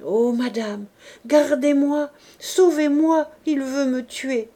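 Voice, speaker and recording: A woman reader voicing a terrified young wife begging to be hidden, in a high, pleading voice. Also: fairly even intonation, slow pace, dark tone. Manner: pleading, frantic.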